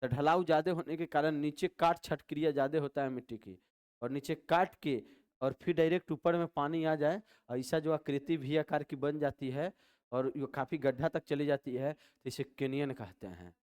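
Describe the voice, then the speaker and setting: A man's voice: fairly high pitch, normal speed, a little mellow, clean tone. A man with a Bihari Hindi accent teaching a coaching class lecture, asking questions and answering them himself in repeated drills. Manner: repetitive call-and-response drilling.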